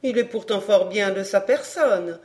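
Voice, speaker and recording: A woman reading a proud, sharp-tongued young countess, cool and teasing, in an audiobook dialogue. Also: mid-range voice, unhurried, lightly acted.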